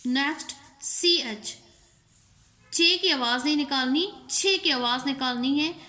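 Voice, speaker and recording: Female teacher, slow and deliberate, bright tone, echoey room. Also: sits high. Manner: spells out words and repeats them slowly. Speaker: English pronunciation teacher. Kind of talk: slow spoken lesson.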